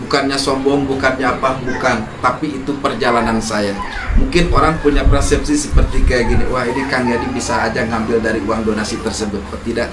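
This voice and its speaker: An Indonesian man hosts an outdoor village ceremony to hand over a prayer house, giving an earnest speech that turns emphatic when he defends himself. His mid-range voice stays steady and a little fast, recorded from a distance with echo and noise.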